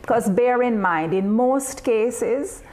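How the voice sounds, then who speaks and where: A woman presenting a training webinar, explaining course costs in a measured, upbeat way. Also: on the high side, a little mellow. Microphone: video call.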